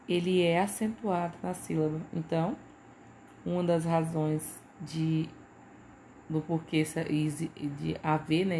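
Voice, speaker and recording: A Brazilian woman teaches a recorded lesson in a low voice with a gravelly edge. She explains patiently and keeps checking in with her listeners. A faint noise sits under the recording. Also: a little mellow. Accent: Brazilian Portuguese. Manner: patient, repeats points with frequent "né" and "tá".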